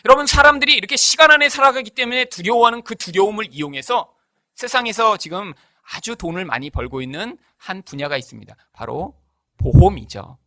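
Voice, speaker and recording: A man delivers a sermon in a high, bright voice that rises and falls a great deal. He keeps throwing rhetorical questions at the congregation. He acts out the voices of the people in his stories. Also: big pitch swings, fairly quick, no echo. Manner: tells stories with acted-out voices. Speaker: pastor.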